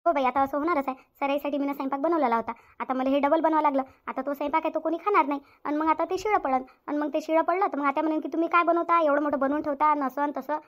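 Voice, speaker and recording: In a high, fairly even voice that races along with few pauses, a woman plays a harried, dutiful elder sister-in-law in a Marathi cartoon. Her natural delivery carries a rural Varhadi accent from Maharashtra, and the character sounds resigned, worried and chatty in this domestic story dialogue.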